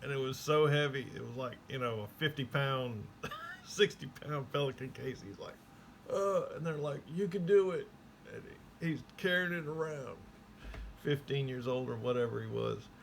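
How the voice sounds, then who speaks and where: A man's voice: medium pitch, moderate pace, creaky, fairly bright tone, a little hiss or hum. A man giving a rambling, casual spoken recap, slipping into quoted voices as he tells it. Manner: rambling, acts out quoted people. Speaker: vlogger.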